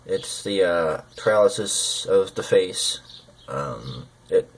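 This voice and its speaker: A man with a low voice speaks haltingly in a personal video. His lip sounds are soft and slurred, as though his mouth were numb from the dentist. He often hesitates and searches for his words. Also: lively intonation, rough recording. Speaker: gaming video creator. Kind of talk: personal talk to camera.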